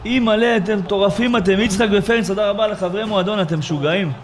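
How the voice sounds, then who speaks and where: A man on a live game stream, his voice sitting a little high as he reacts loudly and excitedly, repeating his exclamations. His talk is slangy and fast-moving, and he keeps breaking off to thank his viewers. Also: slight background noise. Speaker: gaming livestreamer.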